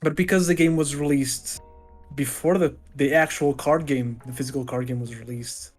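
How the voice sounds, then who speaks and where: A man's voice: medium pitch, fairly even intonation, normal speed, faint music behind. A man co-hosting a casual podcast, speaking hesitantly with many fillers and frequent laughs. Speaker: podcast co-host. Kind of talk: casual chat.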